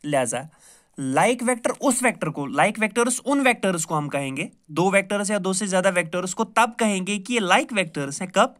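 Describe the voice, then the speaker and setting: A man's voice: high-pitched, animated, moderate pace, a bit bright. A male math teacher giving a recorded lecture, repeating each point patiently, asking himself questions and answering them, with English math terms mixed in.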